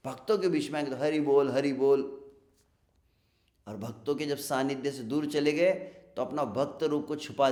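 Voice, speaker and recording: A man giving a devotional sermon, telling stories with lively acted-out warnings and occasionally chanting verses. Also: medium pitch. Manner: animated storytelling, acts out warning villagers in raised voice. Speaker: preacher. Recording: echoey room.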